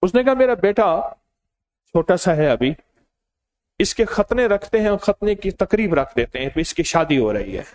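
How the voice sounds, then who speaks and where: A man giving a sermon, telling stories and speaking directly to his listeners in an animated way. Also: high voice. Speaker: religious preacher. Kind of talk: storytelling sermon.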